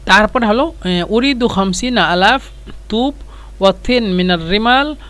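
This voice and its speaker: High-voiced man teaching phrases slowly. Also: a bit bright, clean tone. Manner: repeats phrases slowly for learners. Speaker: Arabic language teacher. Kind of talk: explaining a dialogue line by line.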